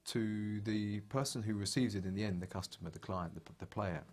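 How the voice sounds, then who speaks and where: A man's voice: on the low side, brisk, a little mellow. A man who builds guitars, speaking thoughtfully in an interview and often stopping to restart and repeat words. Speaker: guitar maker. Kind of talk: reflective interview talk.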